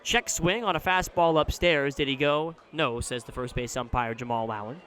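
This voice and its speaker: Broadcasting live from an outdoor ballpark, this American radio play-by-play man has a bright, forceful, medium-pitched voice. He describes the baseball action with measure and grows excited when big plays happen.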